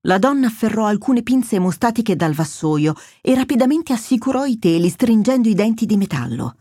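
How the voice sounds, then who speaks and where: A woman narrating a medical thriller in a measured, steady storytelling voice, close to the mic. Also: on the high side, no room sound. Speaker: audiobook narrator. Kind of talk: scripted narration.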